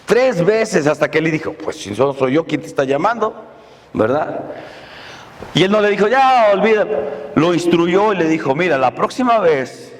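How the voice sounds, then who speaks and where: A man's voice: a little high, animated, moderate pace. A man preaching a sermon as pastor, often asking the congregation rhetorical questions. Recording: long reverb of a church hall.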